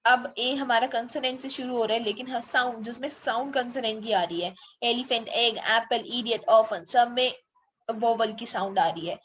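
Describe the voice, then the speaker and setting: A woman with an Indian accent teaching English grammar, slowly spelling out example words and switching between Hindi and English. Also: fairly high pitch, a bit bright, slightly rough. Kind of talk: explanatory lesson mixing Hindi and English.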